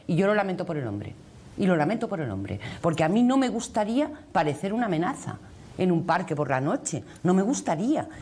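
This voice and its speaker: A woman with an Andalusian accent moderating a panel interview in a halting, emphatic way, often rephrasing herself. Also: medium pitch, darkish tone. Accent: Andalusian Spanish. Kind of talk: broadcast panel interview, conversational.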